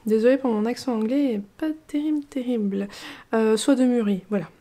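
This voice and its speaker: A woman chatting casually as a knitting vlogger, relaxed and talkative, with frequent fillers and restarts. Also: on the high side, brisk. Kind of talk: casual chat.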